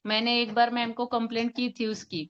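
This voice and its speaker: In a level, brisk tone, a young woman homeopath recounts a consultation for fellow practitioners in a forum case presentation. Her voice is smooth and fairly high, the audio lo-fi and a bit muffled, and she quotes both herself and the patient, hesitating with fillers.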